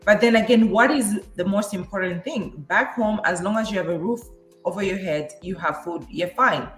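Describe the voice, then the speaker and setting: A woman's voice: medium pitch, normal speed, faint music behind. A woman in her forties co-hosting a casual panel talk, speaking in a reflective, agreeable way. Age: 40s. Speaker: panel co-host. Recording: roomy echo.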